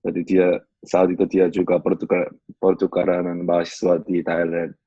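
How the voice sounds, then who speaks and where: A man in his twenties with a Korean accent speaks in a low, even voice. He is a native Korean speaker who chats haltingly in his second language. The recording is dull and echoey. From South Korea. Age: 20s. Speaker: guest. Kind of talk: casual discussion.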